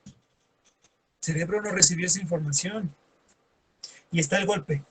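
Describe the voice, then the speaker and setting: A man's voice: sits high, normal speed, fairly bright tone, slight background noise. A man teaching a lesson, acting out everyday scenes in quoted voices and adding sarcastic asides. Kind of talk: classroom lecture.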